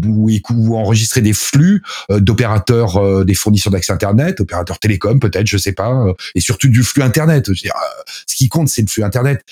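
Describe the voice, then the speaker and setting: Husky man, ironic and mocking. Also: fairly low pitch, warm tone. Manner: ironic, mocking parody voices with pauses and restarts. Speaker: commentator explaining a new law. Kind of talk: casual commentary.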